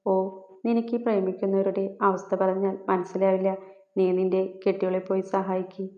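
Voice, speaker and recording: An eager, playful young man in love, as a woman narrator reads him. The delivery is even and unvaried, heard in a roomy, dull-sounding recording. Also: mid-range voice, moderate pace, natural voice. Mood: warm. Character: young village man, lovestruck and teasing.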